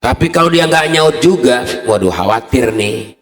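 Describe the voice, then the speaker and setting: A preacher voicing a wise old male sheikh who gives calm, step-by-step instructions, in an echoey mosque hall. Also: mid-range voice, moderate pace, soft background music, lightly acted. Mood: instructing.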